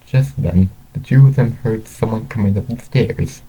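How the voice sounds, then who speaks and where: A man's voice: on the low side, normal speed, mellow, a little hiss or hum, low-quality recording. A man reading a fan-written story aloud, doing every character himself with small slips and restarts. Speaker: story reader. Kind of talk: amateur fan-fiction narration.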